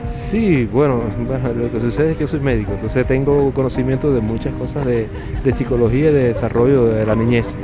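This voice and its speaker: A man from Cuba answers a street interview at a middle pitch, stalling often and restarting his sentences. Loud music plays behind him outdoors. He speaks as a doctor talking to the interviewer. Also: brisk, few pauses. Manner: hesitant, many fillers and restarts.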